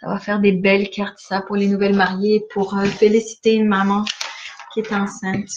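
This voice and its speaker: A woman's voice: mid-range voice, monotone, normal speed, muffled recording, background noise. A woman chatting casually through a catalogue, hesitant and full of fillers. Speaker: stamping-supplies demonstrator. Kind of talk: casual catalogue walkthrough for viewers.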